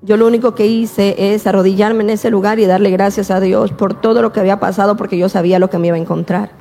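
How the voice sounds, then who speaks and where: A woman telling her personal testimony slowly and with emotion, often repeating herself and quoting her prayers. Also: mid-range voice, fairly even intonation, mellow, in a large hall.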